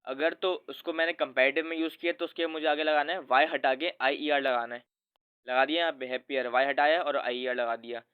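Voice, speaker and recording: A man's voice: mid-range voice, fairly even intonation, brisk, smooth. A man teaching English grammar in a casual, informal way, often correcting himself as he talks to his students. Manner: informal, addresses viewer as friend, self-corrects often. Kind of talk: casual explanatory lesson. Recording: tinny phone-like audio.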